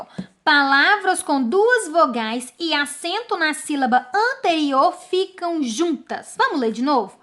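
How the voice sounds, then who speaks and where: Slow, lively high-pitched woman teacher. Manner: slow, drawn-out word by word, pointing at examples. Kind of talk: classroom lesson on syllable division.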